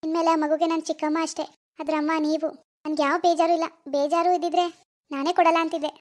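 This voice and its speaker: Woman doing squeaky cartoon mother Pooja. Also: level tone, quick pace. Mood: insistent. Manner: soft, reassuring, insistent. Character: young village mother, gentle and self-giving. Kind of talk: animated cartoon dialogue.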